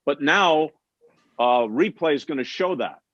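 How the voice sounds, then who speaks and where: A man's voice: fairly high pitch, lively intonation, a bit bright, dry recording. A man moderating a panel discussion, chatty and laughing along, setting up questions with short stories of his own. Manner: chatty, laughs along, tells quick stories before asking. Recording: dull dry close mic.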